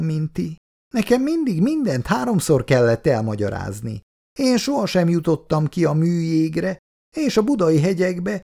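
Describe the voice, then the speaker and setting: This is an anxious teenage schoolgirl from a storybook, speaking high and shaky as she fights back tears, voiced by a man reading aloud. Her pleading rises and falls widely, and a dark, gravelly texture stays in the sound. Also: heavily acted. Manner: trembling, tearful pleading.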